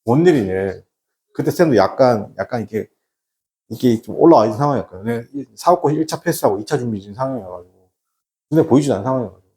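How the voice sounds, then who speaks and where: A man teaching a class in a relaxed, conversational way, putting questions to himself and answering them. His pitch sits in a middle range but swings freely up and down. He acts out the lines he quotes. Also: racing. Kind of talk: lecture with a personal anecdote.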